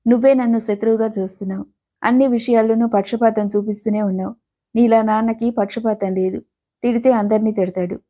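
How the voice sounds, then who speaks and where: A woman's voice: a little high, steady tone, a little fast, natural voice. Woman reading as a bitter young widow. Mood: bitter, angry. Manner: sharp, accusing.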